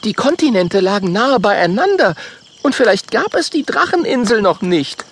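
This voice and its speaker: A man doing a high know-it-all porcupine girl. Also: sing-song, normal speed, fairly bright tone, slight background noise, exaggerated voice. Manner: corrective, matter-of-fact. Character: sensible young female porcupine, know-it-all.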